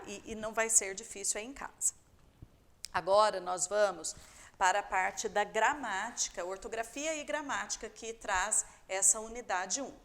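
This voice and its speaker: Woman, from Brazil, teacher, slightly high-pitched, calm, patient, checks in often, sounds out syllables slowly. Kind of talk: recorded review lesson for pupils at home.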